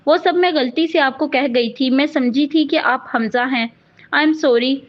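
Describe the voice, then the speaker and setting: Woman voicing a gentle young bride. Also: sits high, unhurried. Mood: apologetic. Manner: soft, polite. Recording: dull lo-fi audio.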